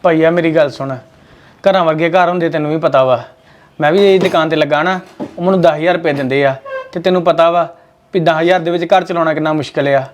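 A man's voice: on the high side, steady tone, quick pace. A man playing an earnest, pleading brother in a family short film.

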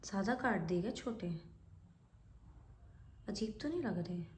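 A woman's voice: medium pitch, expressive, a little slow, a little hiss or hum. A young woman vlogging at home into a phone camera, chatting playfully in a mix of Hindi and English and drifting into anxious half-whispered muttering. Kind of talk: casual self-filmed vlog. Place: home room.

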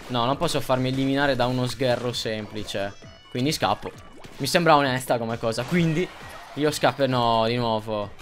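A young man doing gameplay commentary, excitable, repeating himself and yelping when things go wrong. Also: mid-range voice, normal speed, soft background music. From Italy. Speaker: gaming youtuber.

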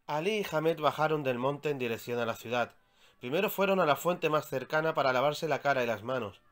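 A man from Spain reading aloud his own children's story, with measured, expressive storytelling. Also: on the high side.

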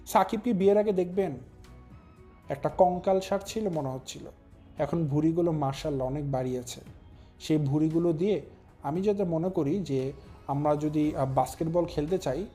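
A young man with a high voice hosts a casual commentary vlog and talks straight to his viewers. He mocks the people he discusses and drags out the words he wants to stress. Faint music plays under him. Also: warm tone. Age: young adult. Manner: drawn-out emphatic stresses, mocking. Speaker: commentary channel host.

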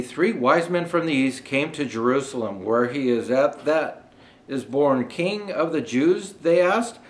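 Dressed as Santa Claus, an older man reads a children's storybook aloud as the storyteller. His voice is fairly high for a man, rising and falling with lots of expression, and he phrases each line deliberately.

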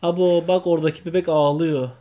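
A man's voice: a little high, fairly even intonation, brisk, dark tone, muffled recording, a little hiss or hum. A man playing with his small child, coaxing and repeating words over and over. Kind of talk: playful home video chat with a child.

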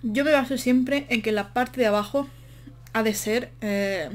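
Speaking at a measured pace in a slightly high voice, this game build commentator chats and rambles, running short of breath. She narrates her in-game building casually and pokes fun at herself along the way.

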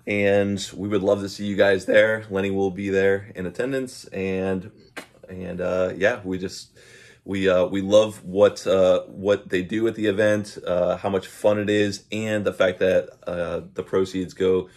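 Deep and unhurried with little pitch movement and a darkish tone, a man in his thirties talks casually to camera during an unboxing, easygoing but a touch hesitant. He's a vlogger and dog owner, recorded at home in a small indoor room on a camera mic at arm's length.

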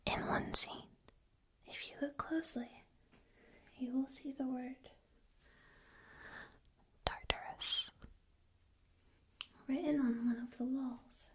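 A woman softly whispering an ASMR analysis in a slow, deliberate way, ear to ear into a binaural microphone. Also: high-pitched, steady tone.

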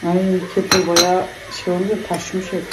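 Home-vlogger mom in her thirties, low-ish voice, chatty self-talk while cooking; recorded with a noisy kitchen. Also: completely flat delivery, unhurried. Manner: chatty, muttering asides to herself. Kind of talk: casual vlog chat while cooking.

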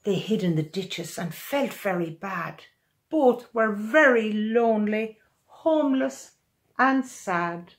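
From a small room at home, a woman in her sixties gives a children's storybook read-aloud of a picture book she authored. Her voice is mid-range, and she narrates with animation, expressiveness, and care.

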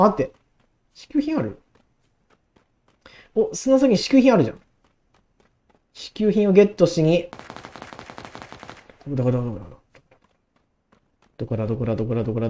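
Excitable young woman narrating her gameplay. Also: on the low side. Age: 20s. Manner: excitable, talks to herself, repeats words in quick bursts. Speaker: gaming YouTuber. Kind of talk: casual gameplay commentary.

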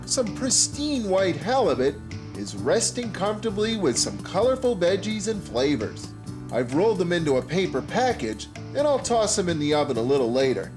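A man in his thirties hosting a cooking show, talking viewers through each step in an upbeat, instructive way with playful asides. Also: on the high side. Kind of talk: scripted cooking show presenting. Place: home kitchen and supermarket.

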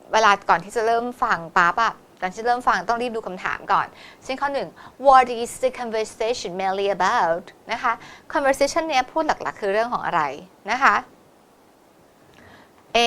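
A woman teaching a test-prep lesson, explaining in Thai and reading English exam lines slowly. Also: medium pitch, a bit bright.

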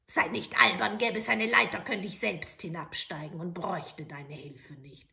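A woman's voice: on the low side, steady tone, moderate pace, vocal fry, sharp tone. A woman voicing a spiteful old witch who scolds and mocks in a storybook reading. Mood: scolding. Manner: mocking, scolding, calls him "Söhnchen".

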